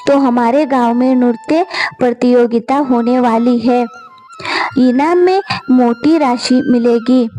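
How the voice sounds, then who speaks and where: A woman's voice: high-pitched, warm tone, low-quality recording. A woman voicing an eager, chatty village neighbor in a storybook, calling out with news.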